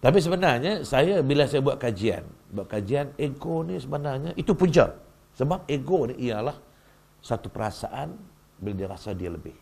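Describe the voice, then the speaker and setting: A male religious lecturer with a gravelly, slightly husky voice, his pitch swinging widely as he speaks. He keeps tossing rhetorical questions to the crowd in a lively, joking teaching manner. He is speaking in a mosque hall. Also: moderate pace. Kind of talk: humorous religious workshop talk.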